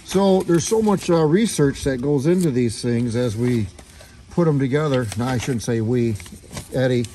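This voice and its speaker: A man's voice: medium pitch, moderate pace, dark tone, a little hiss or hum. A man giving a casual walkthrough of his auto body shop, chatty, with lots of fillers, filmed on a handheld phone. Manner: chatty, filler-heavy explaining. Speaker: shop owner giving a tour. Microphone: handheld phone camera.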